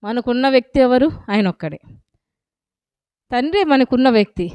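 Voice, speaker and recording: A woman's voice: fairly high pitch, expressive, moderate pace, a little mellow, clean tone, no room sound, muffled recording. A woman preaching a sermon, asking questions and answering them herself.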